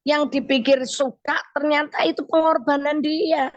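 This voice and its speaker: A woman evangelist, teaching from the Bible on a radio show and telling stories with deliberate emphasis. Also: sits high, flat delivery, no room sound, highs cut off. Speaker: evangelist guest speaker. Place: radio studio.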